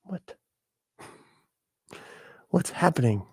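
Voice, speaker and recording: A man's voice: on the high side, expressive, drawn-out words, vocal fry, slightly rough, dry recording, studio quality. A man chatting casually to his vlog audience, rambling and self-deprecating. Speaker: musician and content creator.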